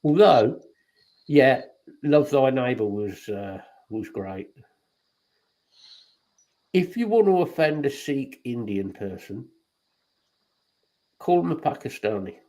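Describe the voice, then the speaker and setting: A man in casual conversation, crude and outspoken, with plenty of swearing. His voice sits at an ordinary middle pitch. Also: lively intonation, takes it slowly, long pauses, mellow, poor audio. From England. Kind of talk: casual chat.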